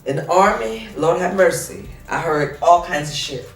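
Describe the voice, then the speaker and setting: A woman from Africa hosts a casual talk show, blunt and profane in her speech. Her voice sits low. She sounds a little distant from the mic in a roomy space. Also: normal speed. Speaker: podcast host. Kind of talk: casual chat.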